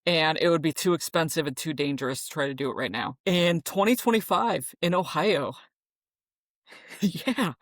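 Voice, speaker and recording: A podcast co-host in casual chat, reading out facts in a relaxed, rambling way with fillers and restarts. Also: mid-range voice, moderate pace, no echo, studio quality.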